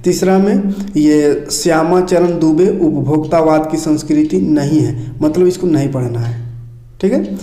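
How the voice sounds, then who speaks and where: In a casual screen-share walkthrough, a man with a slightly high yet mellow, warm voice teaches a lesson a little slowly. He explains things item by item, repeatedly checking in with tags to make sure students follow. The bare room gives the recording a noticeable echo.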